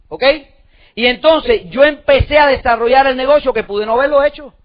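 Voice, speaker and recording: A man's voice: very high voice, moderate pace. A man giving an emphatic motivational talk to an audience, full of repetition and rhetorical questions. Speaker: motivational speaker. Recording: dull lo-fi recording.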